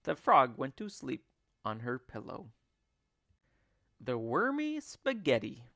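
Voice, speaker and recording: A man who teaches English, reading a children's book aloud in an expressive, deliberate way. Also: medium pitch, vocal fry, no echo, studio quality. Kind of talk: children's read-aloud storytelling.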